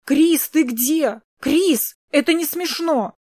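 A woman's voice: medium pitch, unhurried, warm tone, no room sound, natural voice. A woman reading an audiobook, voicing a caring young man who is an older brother, staying close to her own voice. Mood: anxious calling.

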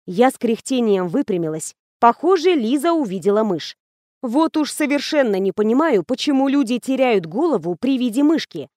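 A woman narrating a first-person audiobook with wry, conversational irony. Her voice sits fairly high and moves in a lively way. The reading is dry and close to the mic. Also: no echo.

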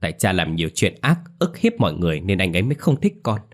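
A man voicing a lovesick young village woman who pleads and scolds through tears. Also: deep voice. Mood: tearful anger. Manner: pleading, rising into quick upset outbursts.

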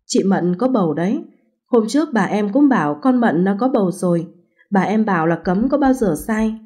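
A woman's voice: medium pitch, expressive, dark tone, breathy edge. A woman doing an alarmed young village girl. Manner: hurried and alarmed.

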